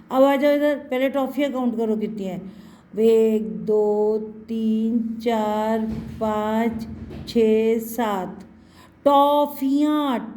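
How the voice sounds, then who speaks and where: Woman, children's Hindi teacher, patient, repeats words, slow, mellow, fairly high voice. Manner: patient, repeats words slowly for kids to echo; mixes English words into Hindi.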